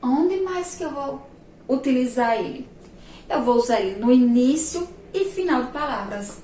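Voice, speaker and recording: A fairly high-voiced Brazilian woman teaching young children over a remote class, recorded from across an echoey room. She speaks patiently and draws words out slowly, syllable by syllable. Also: expressive, dark tone, recorded from a distance, a little hiss or hum. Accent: Sergipe Brazilian Portuguese. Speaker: primary school teacher. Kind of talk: remote class lesson at a board.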